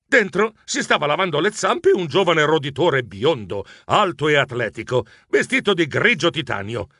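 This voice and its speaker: Audiobook narrator: man, playful, expressive, slightly high. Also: normal speed, no room sound, studio quality. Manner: animated, playful storytelling.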